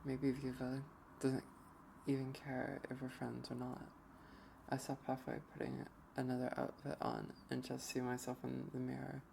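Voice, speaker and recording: Gravelly streamer reading a visual novel aloud. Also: mid-range voice, completely flat delivery, a little mellow, a little hiss or hum. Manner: slow, hesitant first-person reading. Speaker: let's play streamer. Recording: over game music.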